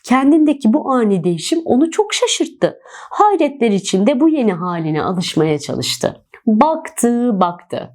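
A woman reads a children's storybook aloud with expressive, dramatic storytelling. Her voice is a little high and her pace a little slow.

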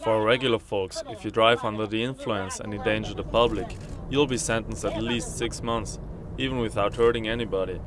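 A man giving interview testimony, his voice electronically distorted and deepened to hide his identity, speaking bluntly and accusingly. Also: fairly even intonation, brisk, a crowd in the background. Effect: voice distorted to disguise identity, deep. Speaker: interviewee, resident.

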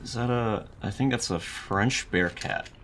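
A man's voice: medium pitch, measured pace, noisy background. A young man giving casual, dry and wry commentary over his own gameplay, laughing now and then. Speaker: gaming YouTuber.

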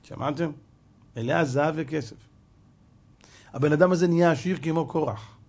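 A man, a rabbi, giving a sermon as an animated storyteller who drops to a hush for suspense. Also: a little high.

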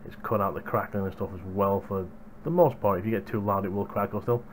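Low-pitched young man, noisy headset mic. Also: fairly even intonation, fast. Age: young adult. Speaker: gaming hardware reviewer. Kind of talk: casual vlog chat to viewers. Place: small room at home, indoors. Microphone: headset boom microphone. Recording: noisy gaming headset microphone.

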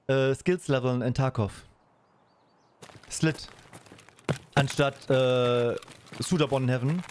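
A man's voice: mid-range voice, noisy background. A man in his thirties chatting casually as he streams his gameplay from a room indoors. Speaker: game streamer. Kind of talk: casual live gaming chat.

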